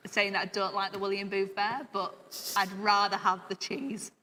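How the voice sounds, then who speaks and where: A woman's voice: mid-range voice, fairly even intonation, normal speed, pushed and bright, in a large hall. A young woman co-hosting a casual live quiz stream, chatty and giggly, with frequent exclamations. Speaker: co-host.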